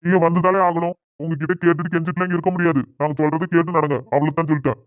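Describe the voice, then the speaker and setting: A woman's voice: low-pitched, level tone, very fast, no echo, faint music behind, close to an everyday voice. A woman voicing a stern elderly grandfather who leads the family in a cartoon drama, talking in a commanding, lecturing way. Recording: dull lo-fi, dry.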